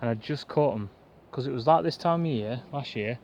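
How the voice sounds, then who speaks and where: A man chatting fast and rambling to the camera in a pine woodland, like a bushcraft vlogger. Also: mid-range voice, darkish tone, slight background noise. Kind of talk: casual rambling chat to camera. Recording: dull lo-fi outdoor recording, faint woodland ambience.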